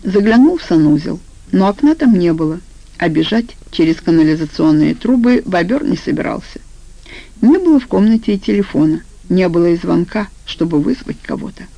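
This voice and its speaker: Gravelly woman reading an audiobook. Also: lowish voice, expressive, a little fast, warm tone, no echo, muffled recording. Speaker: audiobook reader. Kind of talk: audiobook narration.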